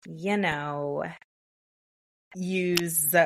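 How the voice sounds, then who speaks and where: A woman co-hosting a podcast in casual chat, animated and playful, often laughing. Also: low-pitched, very slow. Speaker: podcast co-host.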